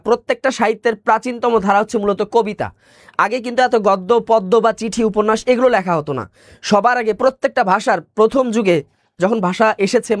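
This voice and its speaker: High-voiced Bangladeshi teacher, dry sound. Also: male voice, no echo. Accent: Bangladeshi Bengali. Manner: explanatory, repeats key words and asks the class questions. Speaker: exam prep teacher. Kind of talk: online exam-prep lecture.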